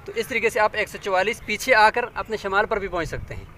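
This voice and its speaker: A man's voice: sits high, fast, bright, forceful tone, a little hiss or hum. A man teaching a hands-on demonstration, patient and step by step, often asking his listeners to check along.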